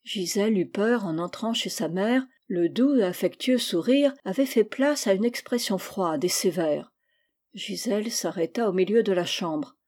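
A woman narrating an audiobook in a measured, even pace. Her voice is warm and mellow. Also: mid-range voice. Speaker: reader.

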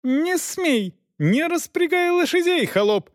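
A man's voice: very high-pitched, big pitch swings, takes it slowly, dry recording, clean studio sound, voice pushed up, full character voice. A man voicing a stubborn, haughty young noblewoman who shrieks with indignation in an audiobook. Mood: shrieking.

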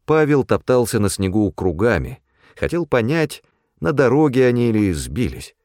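A man reading a story aloud in a measured, expressive storytelling style. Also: medium pitch, no room sound, clean studio sound. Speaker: narrator. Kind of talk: audiobook story narration.

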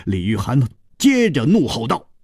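A man's voice: medium pitch, huge pitch swings, normal speed, a little mellow, husky, no echo, clean studio sound. A man narrating a story in a dramatic storytelling manner.

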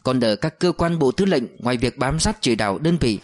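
A man narrating an audiobook in a steady, measured storytelling voice. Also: medium pitch.

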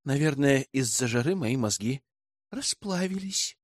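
A man voicing a calm, measured young woman driver in a storybook reading. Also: medium pitch, dry recording, studio quality. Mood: flustered.

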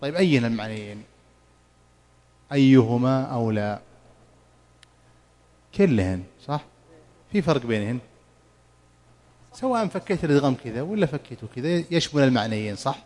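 A man teaching Quran commentary in a mosque study circle, slowly drawing out the verses he recites and quizzing his students as he explains. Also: medium pitch, lively intonation, darkish tone. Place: mosque lesson hall.

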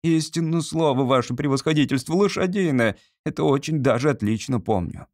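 A fretful, servile estate clerk who mumbles strings of names under his breath and answers his master meekly. A man acts him out in an audiobook, lifting his voice higher. The sound is close and dry. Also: fairly quick, darkish tone, dry recording, close to an everyday voice. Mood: apologetic. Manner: muttering lists of names to himself, eager and apologetic.

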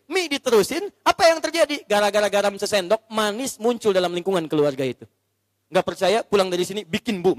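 High-voiced, animated male preacher. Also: dry recording, big-room sound. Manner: animated storytelling, acts out the characters. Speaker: Islamic preacher. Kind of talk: sermon.

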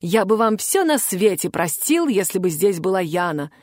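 A woman voicing an excitable, sarcastic male theatre director, pitched higher than her narration. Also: normal speed, dry recording, studio quality.

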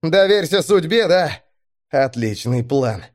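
A man voicing a panicky male truck driver whose nerves are fraying, shouting in fear. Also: a little high, animated, slow, pitched above the performer's own voice. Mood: nervous.

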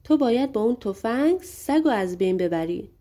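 A woman's voice: fairly high pitch, animated, mellow, lightly acted. A woman voicing a sly, scheming male giant in an audiobook fairy tale.

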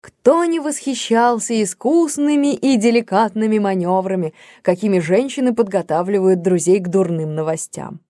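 Mellow woman narrating a classic novel. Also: medium pitch, moderate pace, few pauses, no echo, clean studio sound.

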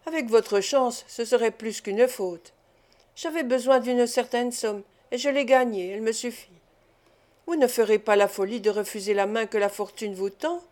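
A woman's voice: fairly high pitch, normal speed, darkish tone, lightly acted. A woman reading the part of an old Italian prince, a ceremonious and persuasive gambler, in an audiobook.

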